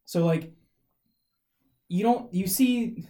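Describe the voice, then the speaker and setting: A man's voice: high voice, slow, warm tone. A man co-hosting a podcast, talking casually and rambling with many fillers and restarts. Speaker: podcast co-host. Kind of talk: casual chat.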